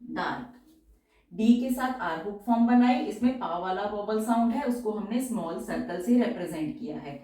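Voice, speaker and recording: Echoey woman teaching slowly, repeating words. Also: medium pitch, lively intonation, dark tone. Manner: explains slowly, repeats each word, drawls example words. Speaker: shorthand teacher. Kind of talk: step-by-step spoken lesson. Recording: very echoey room, voice from far off.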